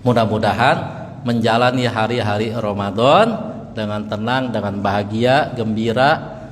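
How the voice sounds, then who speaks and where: A male preacher giving a lively sermon in a mosque, joking with the congregation and chanting verses in melody. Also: fairly low pitch, a little slow, big-room sound, slight background noise.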